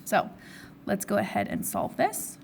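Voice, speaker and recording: Hoarse woman teacher walking through math. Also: medium pitch, sing-song, a little slow, noisy background. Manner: steps through problems, asking and answering her own questions. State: hoarse, losing her voice, with coughs. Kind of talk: recorded test review lesson.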